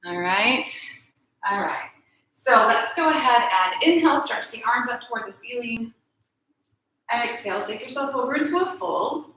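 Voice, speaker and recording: A woman teaching a yoga flow in a bright, clear voice. She calls out poses calmly and encouragingly, often checking in with the class. The sound rings through a very echoey room. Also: a little high, normal speed. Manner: calm, encouraging cues with frequent "right?" check-ins. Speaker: yoga instructor. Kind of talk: guided yoga class instruction.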